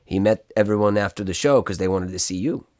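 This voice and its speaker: A man's voice: on the low side, fast, darkish tone, dry recording, clean studio sound, pitched below the performer's own voice, natural voice. A man doing a big, blunt hockey goalie. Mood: matter-of-fact. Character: huge male hockey goalie, matter-of-fact.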